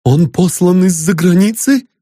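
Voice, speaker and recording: A man plays an anxious, genteel woman of middle age in an audiobook. Her speech is hushed and urgent, with a lightly raised pitch. The sound is dry. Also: animated, normal speed, breathy edge, no room sound.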